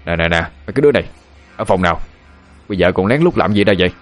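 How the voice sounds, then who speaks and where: A man voicing a gruff school security guard of nearly fifty who scolds fast and bossily. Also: sits low, steady tone, fairly bright tone, faint music behind. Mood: scolding.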